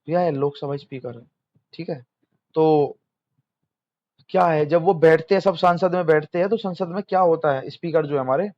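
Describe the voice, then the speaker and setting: A man's voice: fairly high pitch, normal speed, long pauses, muffled recording. A young man teaching exam material in a casual lecture, chatty, quizzing students and answering himself.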